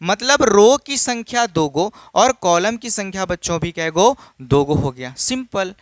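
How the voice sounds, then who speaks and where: A high-sitting male voice with lively intonation moves at a measured pace through a maths lesson, with no echo in the room. The teacher keeps things casual, addressing his students as children, and he repeats himself, asking questions only to answer them on his own.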